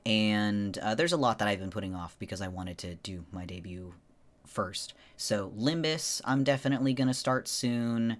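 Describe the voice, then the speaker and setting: Low-pitched man chatting on a casual livestream. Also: normal speed. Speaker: streamer. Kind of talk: casual solo livestream chat.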